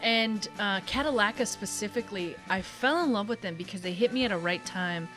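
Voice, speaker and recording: A woman's voice: medium pitch, brisk. A woman co-hosting a podcast in casual music chat, loose and profane, full of fillers. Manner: casual, swears often, many fillers. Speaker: podcast co-host.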